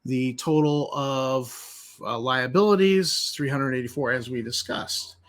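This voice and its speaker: A man's voice: mid-range voice, a little slow. A man giving informal commentary as he reads through a document, emphatic and skeptical, repeating key points for effect. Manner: incredulous, skeptical. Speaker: commentator host.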